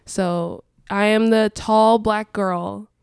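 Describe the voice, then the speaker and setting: A woman's voice: mid-range voice, fairly even intonation, slow pace, vocal fry, clean tone, dry recording, clean studio sound. A young woman from Angola and Portugal, introducing herself conversationally as a guest, her voice congested by a cold. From born in Angola, grew up in Portugal. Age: young adult. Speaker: podcast guest, worship singer.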